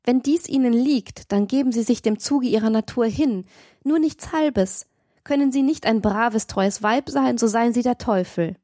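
A woman's voice: mid-range voice, moderate pace, warm tone, dry recording, clean studio sound, close to an everyday voice. A woman voicing a feverish, devoted young man in an audiobook, speaking urgently and pleadingly. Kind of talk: audiobook reading.

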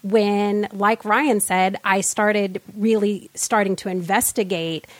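Slow, measured woman from Oregon. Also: medium pitch, fairly even intonation, no echo. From Central Oregon, US. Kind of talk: casual panel discussion.

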